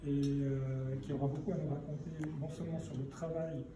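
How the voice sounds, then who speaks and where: A man hosting a dinner debate, introducing the speakers one by one in a halting way, with many fillers and restarts. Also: mid-range voice, little pitch movement. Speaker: event host introducing speakers. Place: large echoey event room. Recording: echoey room, distant mic, background noise.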